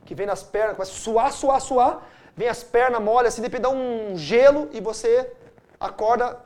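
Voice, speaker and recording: Middle-aged male pastor from Brazil, animated Bible-study teacher, dynamic storyteller. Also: very high-pitched, moderate pace. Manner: animated storytelling with wide swings of loudness.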